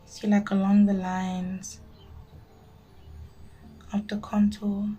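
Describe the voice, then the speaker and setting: A nineteen-year-old beauty vlogger speaks in a medium-pitched, monotone, slow voice that's dark and slightly rough, with faint music in the background. Chatting casually while applying makeup and answering viewer questions, she's blunt and emphatic and often repeats herself for effect.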